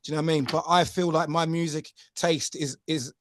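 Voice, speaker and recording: A man's voice: a little high, fairly even intonation, a little fast. A man hosting a casual podcast interview, chatty and full of fillers, often asking "you know what I mean". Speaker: podcast host.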